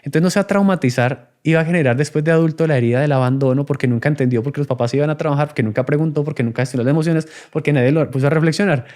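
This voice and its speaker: A man's voice: on the high side, very fast, hardly any pauses, darkish tone. A man, talking in a reflective, conversational way as a podcast guest, acting out children and parents in his examples. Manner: acts out child and adult voices in examples.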